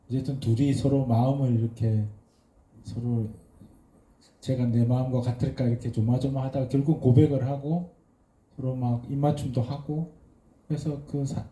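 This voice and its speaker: A man speaks in a halting, thoughtful way at a post-screening talk, often pausing and restarting. His voice is very dark and mellow. It rings in an echoey event hall. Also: medium pitch. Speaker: guest writer.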